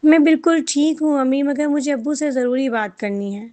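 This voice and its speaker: A woman's voice: high-pitched, steady tone, dark tone, natural voice. A woman voicing a spoiled, scheming young woman who talks stubbornly and spitefully, in a storybook reading.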